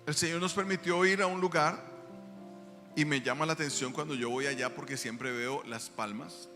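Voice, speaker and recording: Animated pastor preaching. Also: male voice, fairly high pitch, moderate pace, big-room sound, soft background music. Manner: animated preaching, acting out quotes. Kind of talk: sermon. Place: church.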